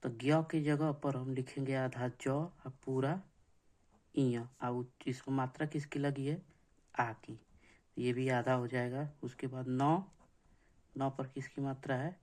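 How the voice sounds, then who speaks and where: A man teaching an exam-prep grammar lesson, slow and repetitive, counting things out and asking checking questions. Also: medium pitch, fairly even intonation, a little mellow.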